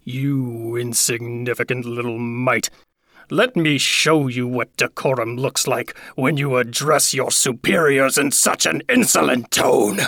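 A woman voicing a sly, menacing male fox in a storybook reading, talking slowly with a slick, sneering manner. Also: very deep voice, animated, no room sound, pitched below the performer's own voice, full character voice.

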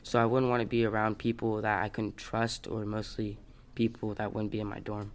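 Flat-voiced teenage boy, low and even. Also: fairly quick. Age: teens. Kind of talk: casual chat. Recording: faint background noise.

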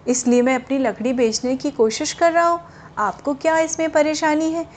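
एक महिला द्वारा निभाया गया ज़िद्दी लकड़ी बेचने वाला आदमी. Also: female voice, sits high, steady tone, a little hiss or hum, natural voice. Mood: insistent. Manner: drawn-out hawker's calls, insistent. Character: loud stubborn male wood seller, hawking.

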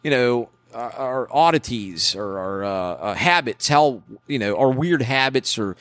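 Animated man, lively pitch. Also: no echo. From West Virginia. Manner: animated, opinionated, quick to scoff. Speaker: podcast host. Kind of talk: casual chat.

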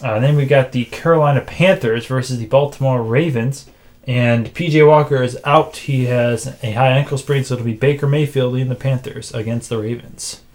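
A man co-hosting a casual sports podcast, making game picks in a dry, self-described monotone with frequent filler words. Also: mid-range voice, normal speed. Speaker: podcast co-host.

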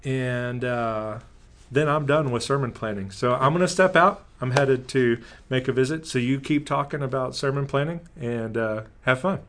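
A man's voice: medium pitch, normal speed, fairly bright tone, slight background noise. A man chatting casually as a pastor and co-host, given to joking, teasing asides. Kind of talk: casual conversation.

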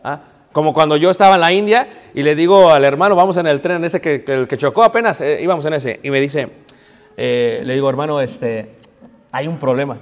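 A man's voice: fairly high pitch, fairly quick. A man preaching a sermon to a congregation, telling stories, asking the audience questions and mixing in English. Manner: storytelling, asks the audience questions, mixes in English. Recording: reverberant hall.

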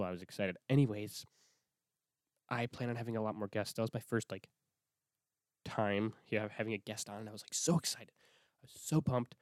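On his solo podcast, a young host with a fairly low voice rambles casually, peppering his talk with swearing and frequent restarts while sniffling from a cold. The recording is clean studio audio with no room sound.

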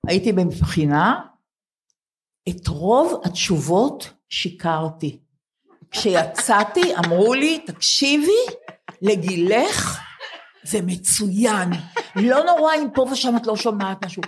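A woman in her seventies, a podcast co-host, chatting with wry, teasing humor before a live audience. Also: mid-range voice. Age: 70s.

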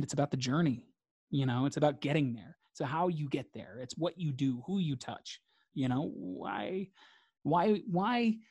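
A man's voice: a little high, darkish tone, no echo, studio quality. A man, a guest in a reflective interview, talking earnestly and repeating phrases for emphasis.

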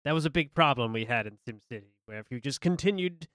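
A man's voice: medium pitch, lively intonation, quick pace, a bit bright, dry recording, studio quality, close to an everyday voice. A man playing a pompous former city mayor with a smug, breezy manner in an improvised comedy podcast. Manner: smug, breezy, unbothered by disaster. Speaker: podcast guest. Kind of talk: improvised comedy role-play.

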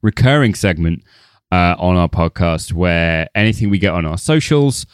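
A man co-hosting a podcast in casual chat, opinionated and quick-witted. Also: sits low, lively intonation, clean tone, no room sound, studio quality. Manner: enthusiastic, opinionated, quick wit. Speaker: podcast co-host.

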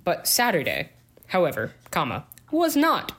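A man co-hosting a podcast, telling work stories in a wry, deadpan way during casual chat. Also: sits high, moderate pace, slight background noise. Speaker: podcast co-host.

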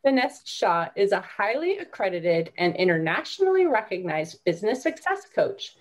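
A woman's voice: mid-range voice, very animated, moderate pace. A woman podcast host presenting her show and talking with a guest in an orderly, prepared way. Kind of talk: scripted show introduction, then interview chat.

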